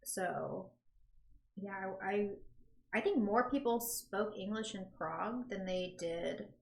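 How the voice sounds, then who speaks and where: Casting: woman, standard American accent, casual podcast co-host, gravelly vocal fry, echoey room. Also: mid-range voice, takes it slowly. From United States. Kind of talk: casual chat. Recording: roomy, echoey indoor sound.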